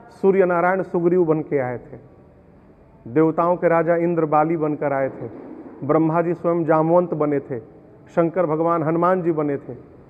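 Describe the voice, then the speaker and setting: A man giving a devotional discourse, explaining verses everyday examples and chanting lines slowly. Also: fairly high pitch. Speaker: religious storyteller. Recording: tinny, narrow-band audio in a long-reverb hall.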